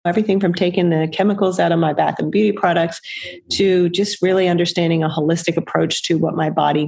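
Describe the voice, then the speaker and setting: A woman's voice: fairly low pitch, creaky, darkish tone, husky. A middle-aged woman, a nonprofit founder, telling her story in an interview in an earnest, conversational way. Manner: earnest, conversational, with quick restarts.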